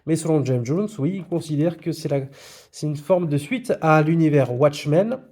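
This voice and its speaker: A comics vlogger shows off his comic book purchases in a casual video, hesitating frequently and filling gaps with lots of fillers. His voice is on the high side and warm, with lively intonation at a moderate pace.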